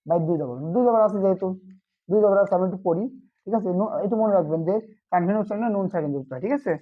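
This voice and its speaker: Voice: medium pitch, racing, phone-quality sound. A Quran reading teacher giving an online lesson, asking short questions and answering them himself.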